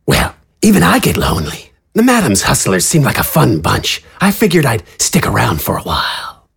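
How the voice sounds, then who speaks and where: Cocky rogue in an audio drama, voiced by the narrator: raspy, taunting, lively pitch. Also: male voice, normal speed, heavily acted. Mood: smug. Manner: smug, taunting. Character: cocky young male rogue, A J.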